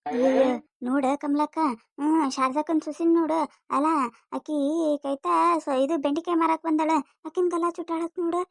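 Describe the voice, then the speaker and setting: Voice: sits high, steady tone, normal speed, vocal fry, no echo, studio quality. A voice actor playing a gossipy, tut-tutting older village neighbor with a North Karnataka accent in a cartoon comedy.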